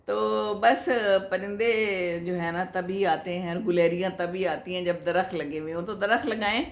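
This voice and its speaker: A woman's voice: lowish voice, fairly even intonation. An older woman hosting a casual advice talk, answering viewer comments in a chatty, motherly, moralizing way and laughing often. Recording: echoey room.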